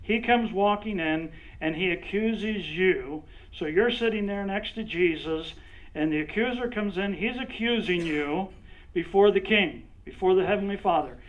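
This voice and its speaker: A male pastor with a high-pitched voice delivers a conversational sermon at a moderate pace, acting out role-play, calling on listeners by name, and often checking in with "right?". The recording is dull and lo-fi.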